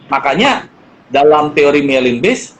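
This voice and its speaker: Lively middle-aged man explaining parenting. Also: on the high side, a little slow, slight background noise, poor audio. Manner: animated, acts out quoted dialogue in changed voices. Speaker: guest speaker on parenting. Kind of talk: casual chat.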